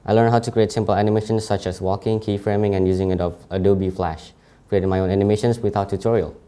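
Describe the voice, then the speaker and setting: Presenting his CV in an informal way, a late-teen Indonesian man speaks with an Indonesian accent and frequently pauses to fix what he said. His voice is on the low side and mellow, with fairly even intonation.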